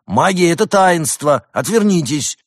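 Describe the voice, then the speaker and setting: A man's voice: on the high side, expressive, a little fast, slightly rough, no room sound, studio quality, pitched above the performer's own voice. A man voicing a pompous wolf trader who poses as a great demon wizard and pushes souvenirs. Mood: indignant. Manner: boastful, fussy, pushy salesman.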